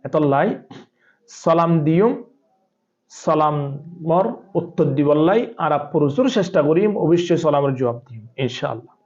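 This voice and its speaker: A man's voice: fairly high pitch, animated, measured pace, pauses often, a little mellow. A man preaching an Islamic sermon in Chittagonian Bengali, explaining point by point and breaking into recited Arabic quotations. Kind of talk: Islamic sermon, teaching hadith. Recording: dull lo-fi sermon recording.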